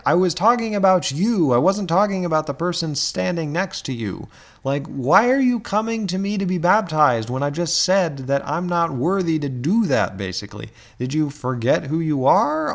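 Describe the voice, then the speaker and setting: A man's voice: fairly high pitch, dark tone, heavily acted. A man putting on an exasperated scolding man. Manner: incredulous, scolding, emphatic.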